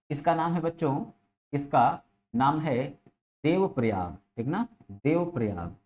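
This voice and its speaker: A male teacher giving an exam-prep geography lesson, addressing his students as children, asking questions and answering them himself, and repeating key words over and over. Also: a little high. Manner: repeats key words with frequent "ठीक है" checks. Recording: dull lo-fi audio.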